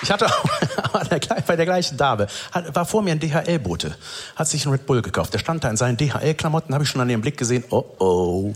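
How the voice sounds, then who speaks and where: A man hosting a live comedy show, telling anecdotes with a lively voice that swings up and down. He acts out the people in his stories. Faint audience laughter and a little room noise sit behind him. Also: on the high side, a little fast, slightly rough, a faint crowd. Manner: animated storyteller, acts out quotes. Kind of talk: stand-up storytelling and hosting. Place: stage before a live audience.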